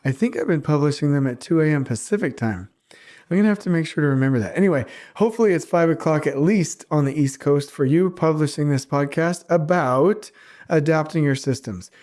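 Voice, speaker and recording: A man with a high-leaning, darkish voice hosts his own podcast, speaking fairly quickly in a casual solo monologue. A cold leaves him stuffy-nosed, and he comes across as earnest, a bit rambling, and self-mocking.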